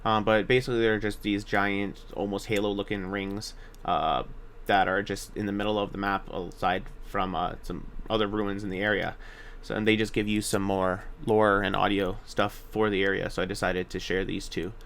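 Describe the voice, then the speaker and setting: This gaming guide narrator has a fairly low, flat-sounding voice that's a bit bright, moving at an ordinary pace. He talks through the walkthrough informally, pausing and fixing his directions as he goes, with a little hiss or hum in the audio.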